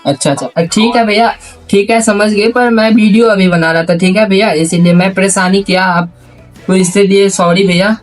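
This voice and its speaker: A man's voice: sits high, normal speed. Hesitant man vlogging, faint music behind. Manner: hesitant, repetitive, rambling. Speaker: prank call video maker and host. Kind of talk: casual phone chat and vlog talk.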